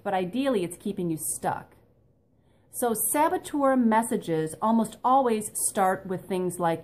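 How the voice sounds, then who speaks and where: A woman's voice: medium pitch, a little mellow. A woman speaking as a motivational coach, explaining things in an instructive way and addressing her listeners directly.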